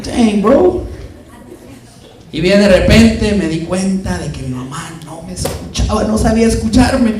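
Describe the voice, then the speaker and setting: A man's voice: sits high, normal speed, few pauses, darkish tone, some chatter behind. Man preaching in a very echoey hall. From California. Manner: switches between Spanish and English, acts out voices. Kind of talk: energetic preaching with acted stories. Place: church prayer meeting hall. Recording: very echoey hall, mic far off, faint noise.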